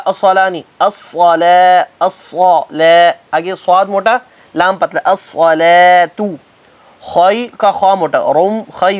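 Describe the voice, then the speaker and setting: A man teaching how to recite the call to prayer, explaining quickly and then chanting the phrases slowly and drawn out. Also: high-pitched. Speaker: religious teacher. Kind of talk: recitation lesson. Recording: dull lo-fi recording.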